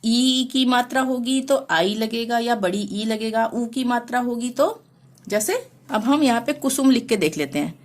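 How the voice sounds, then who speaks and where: A woman teaching a language lesson, explaining slowly and patiently, often pausing to check that the listener follows. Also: on the high side. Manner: slow, repeats "theek hai" to check understanding. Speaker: Hindi teacher.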